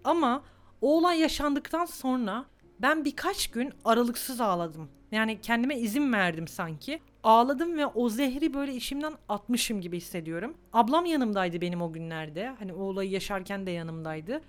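A woman's voice: fairly high pitch, animated, normal speed. A woman in her twenties hosting a solo podcast, talking candidly and emotionally, close to tears at times. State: on the verge of tears. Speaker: podcast host. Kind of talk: reflective solo podcast monologue.

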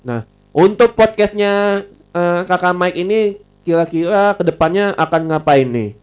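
A man's voice: high-pitched, unhurried, smooth. A man with an Indonesian accent and a slight self-described lisp, hosting an informal live stream and often repeating his phrases. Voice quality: self-described slurred R and L speech. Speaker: live stream host and podcaster. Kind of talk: casual live stream chat.

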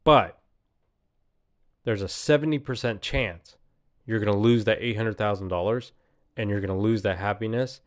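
A man's voice: lowish voice, moderate pace, pauses often. A man giving a casual, emphatic monologue, laughing often as he talks.

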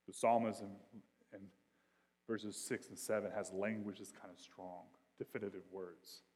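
A man preaches from the pulpit in a loose, conversational way, dropping slang and asides into his sermon. His voice sits low and moves between hushed reflection and loud intensity. A long reverb from the church hall trails every phrase. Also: steady tone, moderate pace, husky. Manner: swings from quiet reflection to loud, intense delivery. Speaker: pastor.

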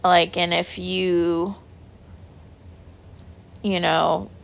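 Woman, casual chat host, vocal fry, loose rambling talk full of fillers, swears freely. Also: lowish voice, flat delivery, very slow. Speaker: podcast host.

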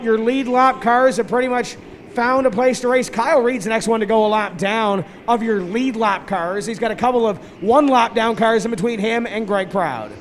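A man giving live play-by-play as a motorsport commentator at a stock car race. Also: extremely high pitch. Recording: noisy trackside ambience.

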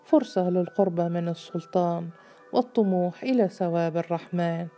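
A woman voicing a shrewd, rich male merchant in a storybook, calm and calculating. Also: on the low side, moderate pace, faint music behind, lightly acted.

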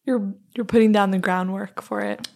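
A woman hosting a casual conversation, reflective and pausing as she asks questions and shares stories. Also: medium pitch, fairly even intonation, darkish tone. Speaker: podcast interviewer.

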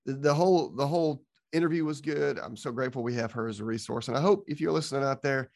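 Man podcast co-host, methodical explainer, calm and even. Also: medium pitch, fast, creaky. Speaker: podcast co-host and beekeeping expert.

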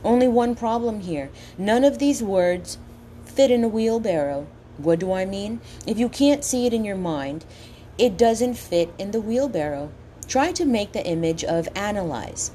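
A woman with a slushy lisp on her s sounds reads a scripted motivational talk as a coach, emphatic and deliberate, often putting questions to the listener. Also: mid-range voice, animated, mellow, a little hiss or hum.

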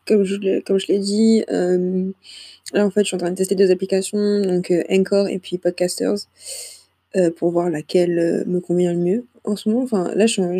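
A woman's voice: mid-range voice, warm tone, slightly rough. A young woman hosting her own podcast, rambling casually with hesitations and self-deprecating asides, into a small microphone. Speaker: podcast host. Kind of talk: casual solo podcast chat.

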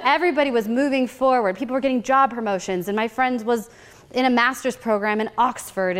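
A woman in her thirties giving an energetic, candid teaching talk about her own hard years, laughing at herself. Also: a little high. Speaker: guest speaker.

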